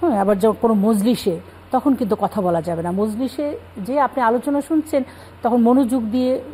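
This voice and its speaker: Mellow-voiced woman explaining religious teaching. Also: on the high side, brisk, slight background noise, rough recording. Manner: calm explanatory, cites scripture. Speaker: religious guest speaker. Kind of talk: Islamic talk show explanation.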